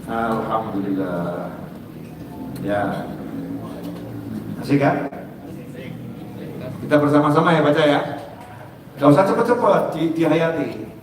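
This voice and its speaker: A man preaching a sermon, lively, swinging between high emphatic calls and low asides, and chanting prayers in a sung tone. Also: takes it slowly, long pauses, heavy reverb, recorded from a distance, background noise.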